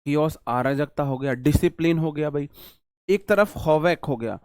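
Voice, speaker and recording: A young man teaches English words in a loose, joking classroom manner. He repeats his lines for emphasis and throws questions at his students. His voice sits a little high and the sound is dry and close, with no room echo. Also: normal speed, smooth. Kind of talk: casual classroom lecture.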